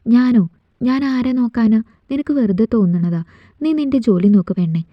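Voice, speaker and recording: A woman's voice: a little high, lively intonation, moderate pace, no room sound. A woman voicing a tender, shy young village woman who brushes off teasing in a storybook reading, on a dull, dry recording. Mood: evasive.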